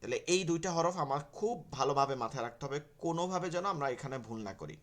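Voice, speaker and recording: A man's voice: medium pitch, lively intonation, quick pace. A man teaching an online Quran class, explaining step by step, repeating key terms and asking and answering his own questions.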